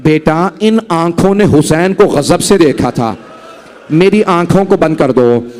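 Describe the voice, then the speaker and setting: A remorseful warrior man, begging forgiveness in a slow, lowered, heavy voice, as a male preacher acts him out within a sermon. He sounds humbled and guilt-ridden, drawing each plea out. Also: animated, darkish tone.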